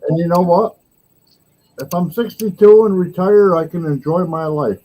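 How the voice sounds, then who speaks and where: A man's voice: high voice, normal speed, rough recording. A man in his sixties chatting casually as host, rambling through stories and laughing easily. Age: 60s. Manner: relaxed, rambling storyteller who laughs easily. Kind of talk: casual chat.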